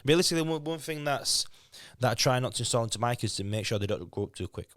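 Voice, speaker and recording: On a podcast mic with studio-quality sound and no room sound, a thirty-something guest from Lithuania speaks fast and expressively in a mid-range, slightly bright voice. He's a native Lithuanian speaker with a Yorkshire accent, chatting candidly, cursing and restarting words frequently.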